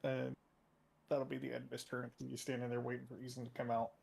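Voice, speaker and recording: A man playing a tabletop game character, speaking in a slow, halting way with pauses. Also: medium pitch, monotone, vocal fry, darkish tone, husky. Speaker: player.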